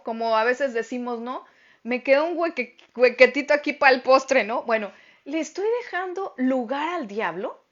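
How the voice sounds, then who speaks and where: A middle-aged woman teaching a Bible lesson to a women's group, speaking loudly and emphatically. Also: sits high, muffled recording. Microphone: phone.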